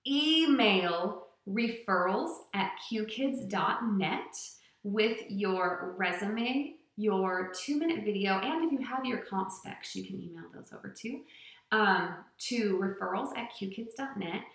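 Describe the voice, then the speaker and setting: Woman, online teacher, chatty teaching-tips vlog, bright voice, roomy echo. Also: medium pitch, animated, slow pace. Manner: chatty, upbeat, with frequent fillers. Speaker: online ESL teacher and channel host.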